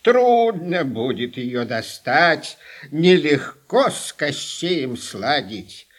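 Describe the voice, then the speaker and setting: A man voicing a cunning old folklore witch in a storybook tale, with slow, drawn-out, deliberate delivery. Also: a little high, very animated, heavily acted. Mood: grave warning. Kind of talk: storybook character voice.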